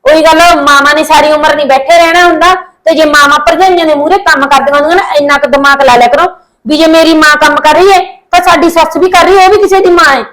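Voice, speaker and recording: A woman's voice: sits high, fairly even intonation, quick pace, a bit bright, rough recording. A woman playing a young wife in a family drama, lecturing her in-laws and then making peace with them. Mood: arguing. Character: young wife, bossy sister-in-law turned apologetic. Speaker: daughter-in-law of the house. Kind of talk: amateur family short drama.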